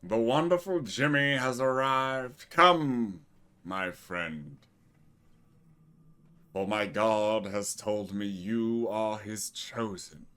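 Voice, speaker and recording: A man's voice: fairly low pitch, lively intonation, bright, forceful tone, clean tone, voice pushed up, full character voice. A man doing a grandiose male cult leader. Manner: slow, drawn-out grand proclamations.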